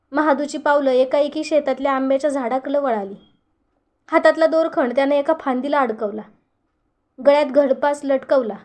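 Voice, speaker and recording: A woman storyteller giving a steady, earnest scripted narration of a short story. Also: high voice.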